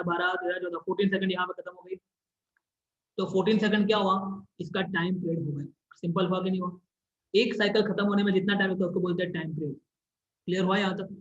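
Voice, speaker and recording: A male teacher with a high voice gives a physics lesson in class, drawing on a board as he explains, repeating himself and checking often that students are following. The room is echoey and the recording slightly dull.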